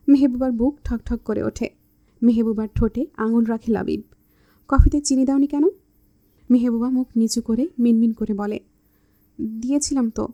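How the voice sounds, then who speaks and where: A woman narrating a romantic story with a calm, even reading. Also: fairly high pitch.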